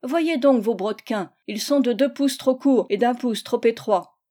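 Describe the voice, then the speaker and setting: A woman's voice: fairly high pitch, unhurried, dark tone, natural voice. A woman reading the part of a bossy, teasing baroness in her forties in a storybook reading. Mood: gleeful, scolding. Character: bossy jolly 46-year-old baroness.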